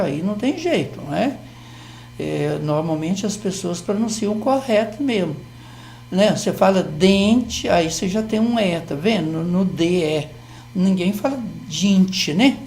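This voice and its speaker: A man's voice: high voice, vocal fry, a little mellow, a little hiss or hum. An older man with a Brazilian accent explaining grammar on a TV lesson, patient and methodical, often checking in with tag questions. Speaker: Portuguese language teacher.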